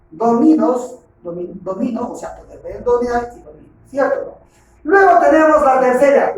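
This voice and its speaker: A man teaching a grammar lesson. He asks rhetorical questions, answers them himself, and often ends points with a tag question. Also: very high-pitched. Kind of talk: recorded grammar lecture. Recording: very echoey room, voice far from mic.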